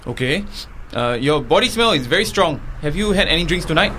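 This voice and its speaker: Man playing a polite, higher-voiced police officer. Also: expressive, brisk, sharp tone, a little hiss or hum. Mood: questioning. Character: polite, insistent male police officer at roadblock. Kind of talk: comedy podcast sketch acting.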